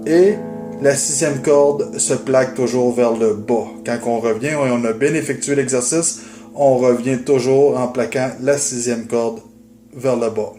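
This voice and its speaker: A man's voice: medium pitch, a little slow, mellow. A man teaching a guitar lesson, explaining methodically and patiently, with frequent hesitation fillers. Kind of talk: instructional video. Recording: roomy, with guitar playing in the background.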